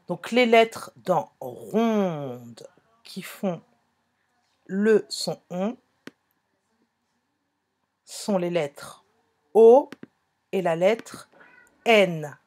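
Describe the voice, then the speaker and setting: A woman gives a phonics lesson to young children at an unhurried pace. Her voice is slightly husky, and she talks patiently, repeating key sounds and correcting her own small slips. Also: on the low side. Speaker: teacher.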